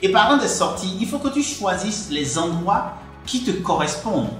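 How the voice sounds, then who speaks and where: A man's voice: very animated, normal speed, a bit bright. Man, echoey room. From Benin. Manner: earnest, addresses the listener directly, emphatic pitch jumps. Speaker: relationship coach. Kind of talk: direct-to-camera advice talk. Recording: very echoey room with faint music.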